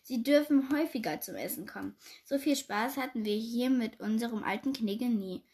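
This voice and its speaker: A woman's voice: fairly high pitch, moderate pace, a little mellow, husky. A woman voicing a muddled, cheerful host king who stumbles over his words. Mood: delighted.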